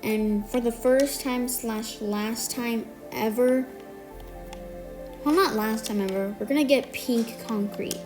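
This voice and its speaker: Taking it slowly at a medium pitch, a tutorial maker who's feeling a bit ill works through a building tutorial step by step. Blocks get counted out and small slips corrected along the way, all over background music.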